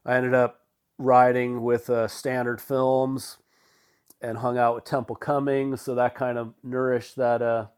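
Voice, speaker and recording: Smooth-voiced man telling laid-back stories. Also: medium pitch, level tone, measured pace, a little mellow. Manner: rambling, laid-back, with fillers and swearing. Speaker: guest. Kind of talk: casual storytelling.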